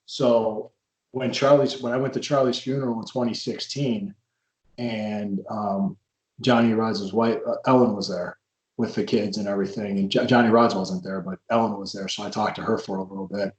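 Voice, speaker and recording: A man's voice: fairly low pitch, fairly even intonation, moderate pace. A man hosting a podcast interview, a former wrestler rambling through old stories with frequent restarts. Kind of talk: casual interview chat. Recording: roomy echo.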